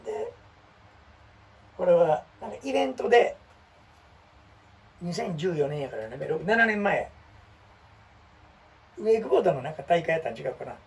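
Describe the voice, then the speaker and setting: A man with a Kansai accent chats on in a lively, self-mocking way, his voice swinging up and down. His tone is somewhat high and gravelly. He sits back from the microphone, so he sounds a little distant. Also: normal speed, long pauses, slight background noise. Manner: chatty, animated, self-mocking. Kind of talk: casual chat.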